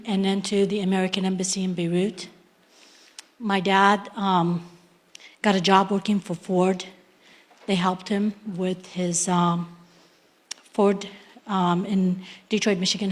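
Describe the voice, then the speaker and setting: This is a middle-aged woman from Iraq who tells her personal success story. She has a mid-pitched voice, speaks plainly and takes her time, and she often pauses on ums and starts her sentences again. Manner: unhurried, plain-spoken, many ums and restarts. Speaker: entrepreneur.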